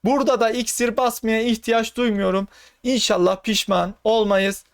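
A young man giving fast, excitable gameplay commentary, talking to his viewers like friends. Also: high-pitched, dry recording. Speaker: gaming channel host.

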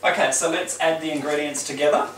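A man playing a glamorous, genteel lady who hosts a home cooking demonstration with theatrical, drawn-out phrasing. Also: on the high side, fairly even intonation, background noise, close to an everyday voice. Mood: poised, instructive. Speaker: cooking show host. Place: indoor home kitchen. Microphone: distant camera microphone. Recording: roomy kitchen, distant mic, clattering dishes.

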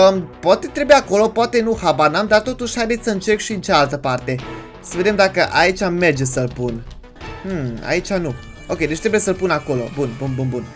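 Excitable young woman narrating a horror game. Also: fairly low pitch. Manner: excitable, chatty, shrieks when startled. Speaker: gaming YouTuber. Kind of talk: horror game let's play commentary.

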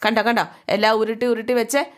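A woman's voice: a little high, flat delivery, racing, natural voice. A woman voicing a bossy mother-in-law teaching a young woman to cook. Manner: bossy, instructing.

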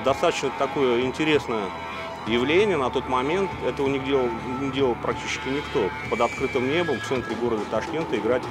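A man speaks in a casual interview outdoors and explains things in a measured way. Clear music plays underneath his mid-pitched voice.

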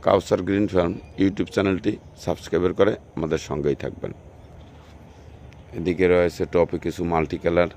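Strolling through an outdoor plant nursery, a host with a Bangladeshi Bengali accent points out the plants in casual, repetitive, sales-style narration. His low, somewhat mellow voice carries a slight hiss or hum.

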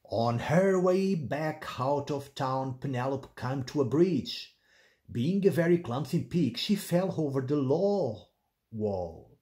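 Slow, lively storybook narrator. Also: mid-range voice. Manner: slow, expressive read-aloud. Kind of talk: children's storybook reading.

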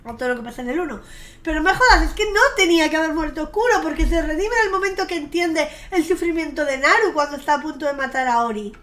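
A young woman streamer chats through her gameplay in a high, quick, slightly bright voice, swearing casually and bursting into gushing squeals of delight. Faint game music plays behind her.

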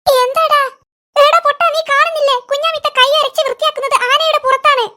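A woman doing squeaky excited cartoon kids. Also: brisk. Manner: excited shouting and bickering. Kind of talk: cartoon voice acting.

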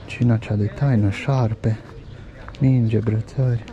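A travel vlogger strolls through a pedestrian old town, chatting casually about the sights, food and prices. His voice is lowish, steady and warm. The lo-fi outdoor recording picks up street noise.

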